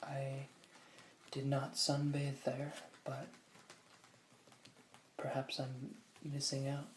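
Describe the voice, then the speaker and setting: A person whispering softly in an ASMR style, reading aloud from a book slowly, with musing asides. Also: mid-range voice, completely flat delivery, echoey room, slight background noise. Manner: slow, musing asides between read passages. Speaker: ASMR host.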